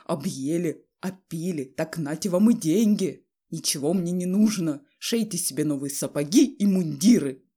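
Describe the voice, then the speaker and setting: A woman voicing a furious, stingy middle-aged father who yells shrilly at his family, in an audiobook reading. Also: lively intonation, normal speed, breathy edge. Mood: raging. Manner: shrill yelling.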